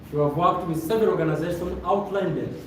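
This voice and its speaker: A Zambian man from Luapula runs a presentation course, delivering motivational seminar instruction to a live room in a high voice at a quick pace. His manner is directive, with repeated phrases and check-ins with the audience. Recorded on a distant mic in an indoor training room with a stage, the audio is noisy and very echoey.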